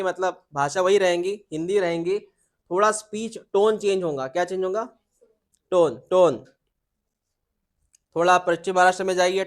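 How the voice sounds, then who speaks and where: Man, high voice, teacher in class, repeats and quizzes students. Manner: repetitive, asks students questions. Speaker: biology teacher.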